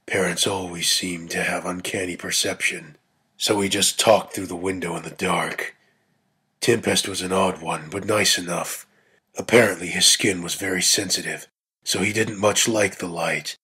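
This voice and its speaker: A man giving a dramatic scripted narration of a story, in a measured delivery with deliberate pauses. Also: sits low, sharp tone, husky. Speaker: reader of a dramatic reading.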